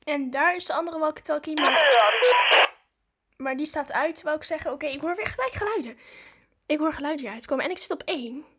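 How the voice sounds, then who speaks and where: A little fast and fairly bright in tone, this high-voiced woman is vlogging casually. She chats with viewers and narrates each thing she does as she goes along.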